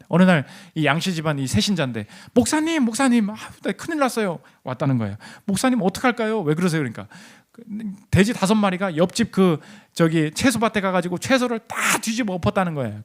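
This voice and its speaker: A man preaching a sermon as pastor, telling a story with animated delivery and acted-out voices. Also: a little high. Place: church.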